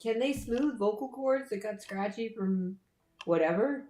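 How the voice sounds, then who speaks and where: A woman with a hoarse, scratchy throat chatting casually and bluntly on a livestream, swearing freely and rambling. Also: medium pitch, measured pace, warm tone, reverberant. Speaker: co-host on a livestream. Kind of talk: casual chat.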